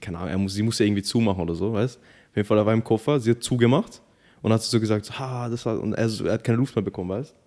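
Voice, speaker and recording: A man's voice: on the low side, rapid-fire, mellow. A young man co-hosting a podcast, telling stories in slangy, rambling casual chat. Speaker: podcast co-host.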